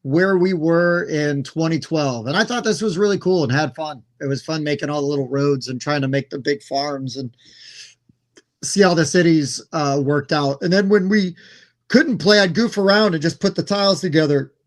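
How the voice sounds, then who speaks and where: Relaxed man telling a story. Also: fairly high pitch, normal speed. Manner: relaxed, rambling storytelling with fillers. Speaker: podcast host. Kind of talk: casual chat.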